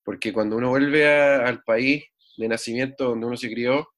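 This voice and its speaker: A man's voice: mid-range voice, steady tone, normal speed, a bit bright. A man of thirty-nine giving reflective, casual advice as an interview guest, with many fillers and restarts. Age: 30s.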